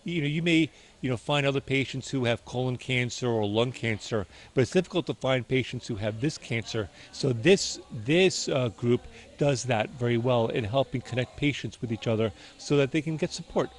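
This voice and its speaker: A man's voice: mid-range voice, normal speed, hardly any pauses. A middle-aged man answering interview questions as a doctor, earnest and somewhat hesitant, correcting himself as he goes.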